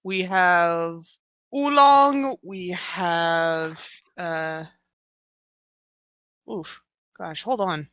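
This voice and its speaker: A woman's voice: on the low side, extremely slow, long pauses, a bit bright, clean tone, dry recording, clean studio sound. A woman voicing a huge female moose-centaur bartender in a tabletop game, answering dryly and matter-of-factly.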